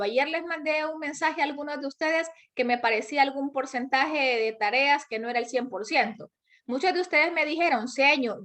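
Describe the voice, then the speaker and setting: A woman teaching a high school grammar class online, explaining patiently with many spoken examples and questions to her students. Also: fairly bright tone.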